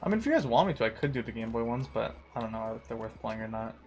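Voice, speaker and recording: A man's voice: mid-range voice, animated, very fast, darkish tone, soft background music. A man live-streaming a video game, chatting casually with lots of swearing and bro slang. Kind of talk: casual live-stream chat while gaming.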